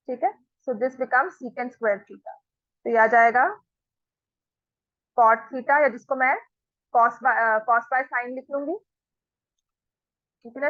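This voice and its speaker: A woman's voice: on the high side, no room sound, highs cut off. A woman with an Indian accent teaching a maths class in a classroom, working through steps aloud in a mix of Hindi and English. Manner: dictates steps slowly, mixes Hindi and English.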